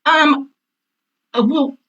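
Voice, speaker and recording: A veteran theater teacher in her sixties or older speaks as an interview guest, candid, blunt and conversational, often acting out quoted remarks in animated storytelling with self-quotes. Her voice is high with drawn-out words, and the recording sounds muffled.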